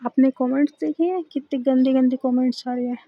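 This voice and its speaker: An emotional young woman, as a woman storyteller plays her, protective of her relationship and quick to shout or beg, voiced high. The recording is dull and lo-fi with a dry sound. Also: steady tone, dry recording. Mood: upset. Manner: emotional, shouting then begging. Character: young woman, possessive partner, swinging between anger and pleading.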